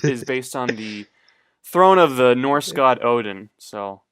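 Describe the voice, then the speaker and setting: A man's voice: mid-range voice, expressive, slow, fairly bright tone. A young man co-hosting a casual podcast, rambling and hesitant with lots of fillers and swearing. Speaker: podcast co-host.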